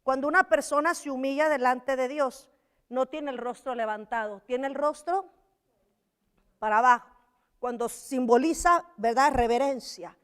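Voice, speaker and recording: High-voiced woman preaching with animation. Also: moderate pace, smooth. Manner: animated preaching, acting out Bible voices, addressing listeners as brother. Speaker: pastor. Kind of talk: sermon.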